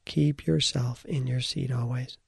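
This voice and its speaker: A man leading a slow guided visualization, calm and soft-spoken, sometimes slipping into a whisper. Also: mid-range voice, gravelly, breathy edge, no room sound, clean studio sound. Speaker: guided meditation leader.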